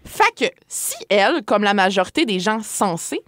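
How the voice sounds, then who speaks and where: Animated Quebec French woman ranting. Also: mid-range voice, moderate pace. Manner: animated, emphatic, slangy. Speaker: radio co-host and columnist. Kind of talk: casual radio chat and rant column.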